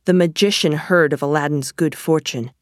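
A woman reading a storybook aloud as narrator, slow, clear and measured. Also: sits low, no room sound, studio quality.

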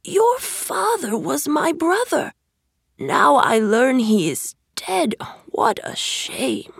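A man's voice: extremely high pitch, very animated, no echo, studio quality, voice pushed up, heavily acted. Woman doing a sly whispering magician. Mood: false warmth. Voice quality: hushed, breathy whispering. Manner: slow, drawn-out, honeyed coaxing. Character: scheming male magician, sly and greedy. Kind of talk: storybook read-aloud.

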